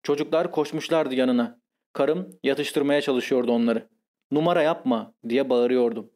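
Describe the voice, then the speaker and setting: A man reading a first-person literary confession as an audiobook, in a measured, grave and intense manner. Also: medium pitch, fairly even intonation, a little mellow. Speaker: audiobook narrator.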